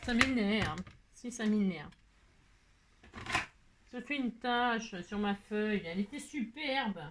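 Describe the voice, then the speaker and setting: Sitting at her craft table at home, a woman with a medium-pitched voice speaks slowly while hosting a casual crafting tutorial. She keeps up a running chat, replies to her own comments, tosses in playful sound effects, and grumbles over slip-ups before laughing. The audio is noisy.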